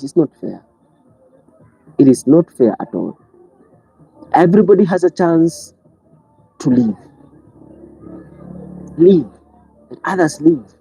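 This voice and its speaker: Husky and low-fidelity, this clip features an online commentator in a passionate, sermonizing rant. The speaker keeps asking rhetorical questions and shifts between loud bursts and soft, pleading tones.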